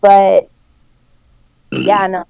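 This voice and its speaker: A woman's voice: mid-range voice, flat delivery, extremely slow, creaky, mellow, clean tone, no echo. A woman chatting casually on a podcast, her voice muffled as if through a wall because her phone mic is covered, talking in a tired, rambling way. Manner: tired, rambling, lots of fillers. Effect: muffled, as if through a wall, mic covered by clothing. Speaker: podcast co-host. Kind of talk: casual chat.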